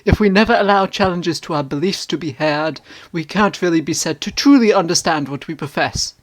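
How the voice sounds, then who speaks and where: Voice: medium pitch, fairly quick, lightly acted. A performer playing a hammy, indignant stage actor, declaiming internet comments in a grandiose, theatrical way. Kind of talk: dramatic reading of internet comments.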